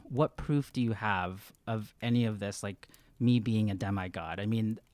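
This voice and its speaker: A man in his thirties improvises in-character dialogue and casual description while playing a tabletop role-playing game, speaking in an earnest, halting way. His fairly low, darkish voice is captured by a close studio microphone on a stand in a small indoor room, giving a dry sound.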